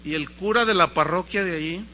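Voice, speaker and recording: Mexican man, pastor, sermon, lively storyteller, bright tense voice, faint noise. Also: high voice, fairly quick. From Mexico, Guadalajara. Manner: animated storyteller acting out voices.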